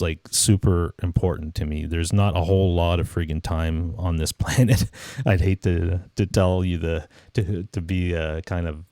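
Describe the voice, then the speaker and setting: A man's voice: low voice, mellow, no room sound. A man nearly fifty hosting a casual live stream, rambling and reflective with lots of restarts and "you know"s. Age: 40s. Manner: reflective and easygoing. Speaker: livestream host.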